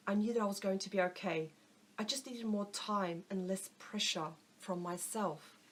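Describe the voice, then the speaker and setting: A woman narrates an audiobook in a steady, unhurried reading voice. Her voice is hoarse, and her pitch sits in a plain middle range.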